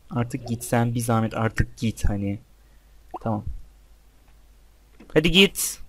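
A man's voice: mid-range voice, a little mellow, slight background noise. A young man giving casual let's-play commentary, chatting with the game's characters and with his viewers as he plays. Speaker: gameplay commentator.

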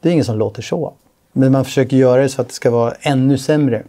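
A man's voice: medium pitch, dark tone. A man giving casual reaction commentary as a sales coach, blunt and opinionated, acting out sales calls.

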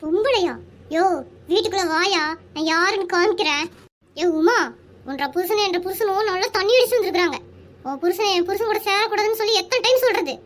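A squeaky, very high-pitched cartoon housewife, voiced by a woman scolds. She nags sharply and quickly, shrill from start to finish. It is a village family comedy cartoon. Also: a bit bright. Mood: scolding. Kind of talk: animated cartoon dialogue.

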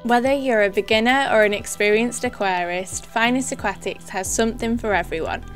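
A woman's voice: on the high side, brisk, soft background music. Upbeat woman hosting a tour. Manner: upbeat, chatty, laughs often. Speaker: host. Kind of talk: interviewing and narrating a shop tour.

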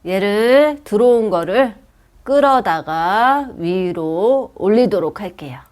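A woman's voice: medium pitch, animated, takes it slowly, a little mellow. A woman teaching a computer class, patiently guiding students through a program step by step. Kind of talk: step-by-step software lesson. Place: senior welfare center classroom.

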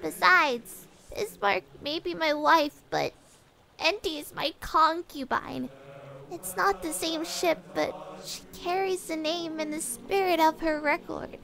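A tender, ship-obsessed young woman speaking softly, as a male narrator puts her on. Very high, bright and tense, with a gravelly fry under it. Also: slow pace, heavily acted. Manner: soft, hushed and tender. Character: breathless ship-loving young woman, Pippa.

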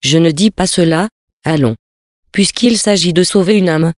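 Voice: medium pitch, normal speed, no echo, studio quality, lightly acted. A reader voicing a flustered, pious elderly country priest who stammers in alarm, in a storybook reading.

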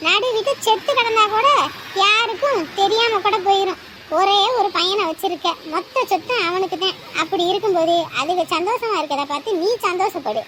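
A woman playing a stern scolding woman, high and noisy. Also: fairly quick. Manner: scolding, lecturing, menacing. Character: stern woman threatening a cruel mother-in-law. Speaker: woman scolding a cruel mother-in-law. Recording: noisy background.

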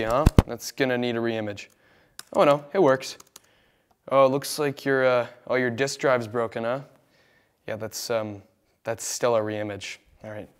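A young man doing a comic teacher impression of a laid-back, unhelpful school IT technician with an offhand, deadpan manner. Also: mid-range voice, slight background noise, close to an everyday voice. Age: young adult.

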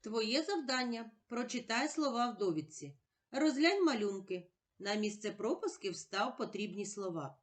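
A woman's voice: on the high side, big pitch swings, normal speed. A woman teacher giving a recorded lesson for young children. She spells out sounds one at a time and asks questions, then answers them herself.

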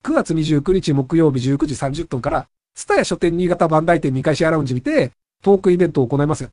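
Woman announcer, casual vlog notice, lively pitch movement, very dry sound. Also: fast, no echo. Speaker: vlogger giving event announcements.

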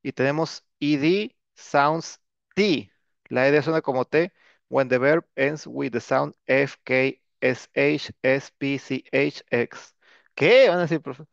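A man with a medium-pitched, gravelly voice takes his time teaching English grammar in a casual classroom manner. He often tacks a questioning "¿no?" onto sentences and repeats "este"; the lo-fi recording is dull and dry, with no echo.

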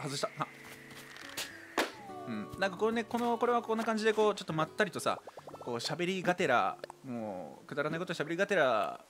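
A man streaming a game live, chatting casually and rambling to himself and his viewers. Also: fairly high pitch. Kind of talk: casual live-stream chat while playing. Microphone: desk microphone.

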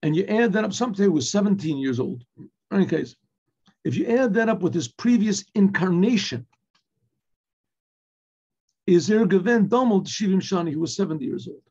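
A man's voice: high voice, lively intonation, moderate pace, pauses often, darkish tone, breathy edge. An older man, a rabbi, teaching a text in a Torah class, asking and answering his own questions and slipping in Yiddish and Hebrew phrases, recorded on a webcam in a room with bookshelves. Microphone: webcam video recording. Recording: dull lo-fi webcam audio.

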